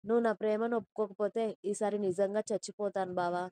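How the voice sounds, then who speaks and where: A woman's voice: medium pitch, steady tone, fast talker, mellow, clear, resonant tone, no echo, close to an everyday voice. A woman voicing a stubborn, lovesick young woman who pleads tearfully in an audio story. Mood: pleading.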